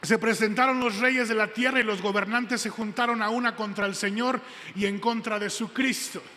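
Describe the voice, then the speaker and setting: A man preaching a sermon as pastor, emphatic and repeating key phrases slowly, on a handheld mic in a church hall. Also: high voice, fairly even intonation, pushed and bright. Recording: long hall reverb.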